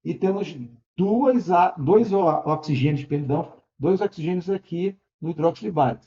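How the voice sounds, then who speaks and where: A man giving an explanatory online lesson as a chemistry teacher. He talks patiently, checks in often with tag questions and corrects himself out loud. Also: on the high side, normal speed. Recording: dull lo-fi recording.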